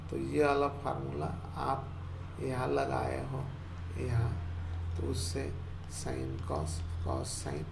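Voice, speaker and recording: A man's voice: a little high, vocal fry, background noise. A man teaching a math lesson, patiently repeating each step and checking whether students follow.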